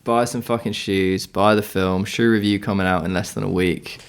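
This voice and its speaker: A man's voice: lowish voice, fairly even intonation, normal speed, smooth. A man hosting a podcast, casual and laid-back, swearing and laughing often. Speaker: podcast host. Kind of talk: casual chat.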